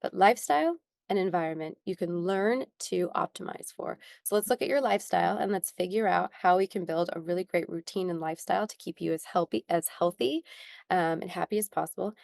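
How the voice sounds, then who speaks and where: A skincare founder in young adulthood speaks fairly quickly as an interview guest, her lowish voice creaky and darkish in tone, with no echo. The story she tells is personal; she's earnest, um-heavy, and tearful in places.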